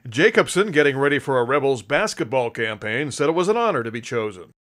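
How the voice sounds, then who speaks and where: A man's voice: medium pitch, very animated, fast, fairly bright tone, a little hiss or hum. A man narrating scripted local sports news as a reporter.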